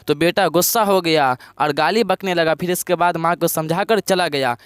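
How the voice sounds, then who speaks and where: A man's voice: a little high, fairly bright tone, clear, resonant tone, no room sound. A man preaching through a moral story, repeating and restarting his phrases and calling his listeners brothers.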